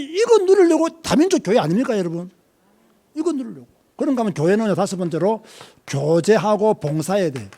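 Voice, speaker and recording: Lively Korean preacher. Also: male voice, high voice. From Korea, Busan. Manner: lively preaching, questions to the congregation. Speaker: pastor. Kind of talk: sermon.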